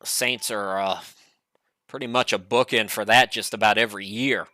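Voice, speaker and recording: Bright-voiced male soccer commentator. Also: lowish voice, moderate pace, no echo. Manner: relaxed, chatty, frequent "uh" fillers. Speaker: play-by-play commentator. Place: home studio.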